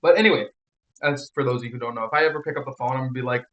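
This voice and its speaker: A man's voice: medium pitch, dull audio. A man co-hosting a podcast in casual chat, rambling, swearing and joking as he goes. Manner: rambling, profane, quick to joke and laugh. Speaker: podcast co-host.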